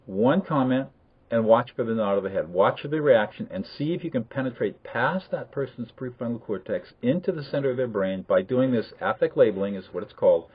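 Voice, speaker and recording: A man explaining conflict de-escalation in a measured conversational way, with emphatic bursts. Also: medium pitch, lively intonation, breathy edge. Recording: tinny phone-like line.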